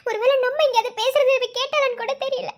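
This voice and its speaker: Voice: extremely high pitch, fairly even intonation, quick pace. A performer voicing a guilt-ridden young mother in a cartoon, pleading and sobbing on the phone. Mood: distraught. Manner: pleading, sobbing and repeating his name. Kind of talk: cartoon voice acting.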